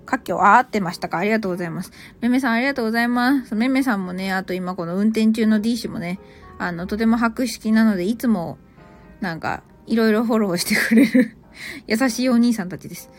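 Woman host, casual live-stream chat, fairly high voice, faint background music. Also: fast talker. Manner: chatty, reacts to listener comments with small laughs. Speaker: English cram-school teacher hosting a live stream.

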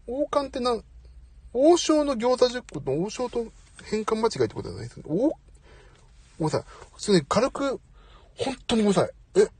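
A middle-aged man with a slightly high, husky voice chatting on a live audio stream. His pitch swings widely as he talks, and he keeps apologizing and joking at his own expense. The sound is dry and close, as if spoken into a phone. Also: very animated, fast talker, a little mellow, no echo. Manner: chatty, apologetic, self-deprecating. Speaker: host. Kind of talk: casual live audio chat. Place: parked outside, away from home.

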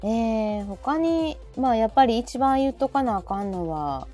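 Her voice is a little high and expressive, moving at a moderate pace. Hosting a live audio stream with soft music behind her, this Kansai-accented woman chats casually, asks questions, and reacts often.

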